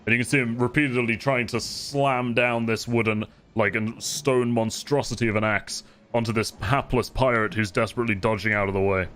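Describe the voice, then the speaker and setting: A man's voice: medium pitch, fairly even intonation, fairly quick, few pauses, fairly bright tone. Man narrating as a laughing game master. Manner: vivid descriptive narration, laughs often.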